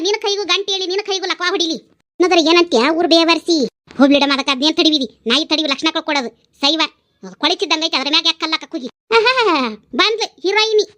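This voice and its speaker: Brash, foul-mouthed village women from a cartoon, screaming insults at each other in a North Karnataka Kannada accent. The voice sits very high and the words tumble out fast, one scolding jab after another. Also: female voice, bright, forceful tone. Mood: quarrelsome. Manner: shrill, scolding, rapid-fire insults. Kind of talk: cartoon voice acting.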